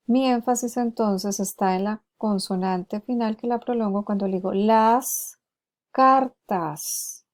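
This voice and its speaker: A woman lecturing on therapy strategies, explaining each one and slowing down to model words clearly. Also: medium pitch, mellow. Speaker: lecturer on hearing-impaired therapy. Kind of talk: recorded lecture with acted examples.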